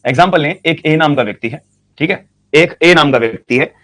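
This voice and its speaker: A man teaching a law class, speaking slowly and repeating questions and answers so students can write them down, with phrases. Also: a little high, fairly bright tone. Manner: slow dictation, repeats questions and answers, frequent "ठीक है" checks. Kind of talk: classroom lecture.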